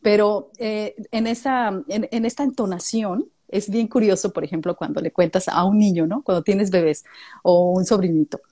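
A woman chatting casually about speaking skills, lively and acting out little voices as examples. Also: mid-range voice, moderate pace. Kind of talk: casual chat giving speaking tips.

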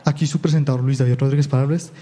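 A young man, slowly reading out lists of example words as a mock correspondent. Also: mid-range voice, fairly even intonation, warm tone, big-room sound. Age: young adult. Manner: slow, listing reading. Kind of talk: reading word examples as a news report.

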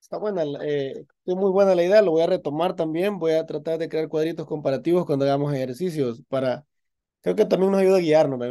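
A man's voice: sits high, dark tone. A man teaching an online class, explaining concepts in an encouraging way, with frequent restarts. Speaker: university instructor.

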